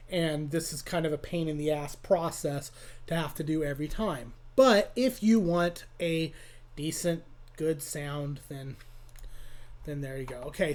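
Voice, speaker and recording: A man hosting a casual music production tutorial, rambling and profane, with many fillers and restarts. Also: on the high side. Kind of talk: casual screen-recorded tutorial.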